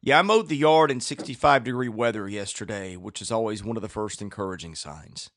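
A man's voice: fairly low pitch, fairly quick, a bit bright, no room sound, studio quality. A man hosting a sports podcast, presenting and commenting as the host.

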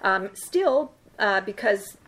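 A woman's voice: medium pitch, expressive, takes it slowly, a bit bright. An older woman telling stories in an interview, rambling and wry, with lots of ums and restarts. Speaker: sports agent interviewed about past deals. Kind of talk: conversational interview storytelling.

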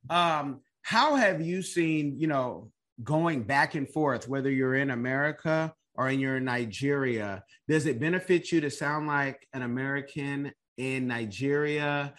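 A man's voice: medium pitch, a little slow, a bit bright. A man hosting an interview podcast, chatty and encouraging, who breaks into bursts of emphasis. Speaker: podcast host. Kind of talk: casual interview.

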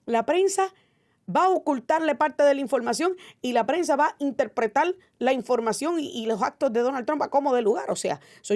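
A woman's voice: a little high, a little mellow. A woman hosting a call-in political talk radio show, speaking in an opinionated, emphatic way with frequent "eh" fillers.

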